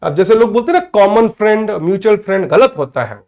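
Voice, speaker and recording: A man with an Indian accent teaching an online English grammar class, calling students by name, checking they follow, and saying English phrases slowly word by word. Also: sits high, lively intonation, a little mellow. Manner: addresses students by name, asks "clear?" often; mixes Hindi with slow, spelled-out English.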